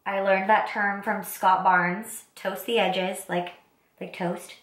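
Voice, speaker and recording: Young woman, raspy from a cold, chatty makeup talk, roomy echo. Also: medium pitch, flat delivery, slow. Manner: chatty, enthusiastic product talk. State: lingering cold, slightly raspy congested voice. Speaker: beauty vlogger. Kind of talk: casual get-ready-with-me makeup talk.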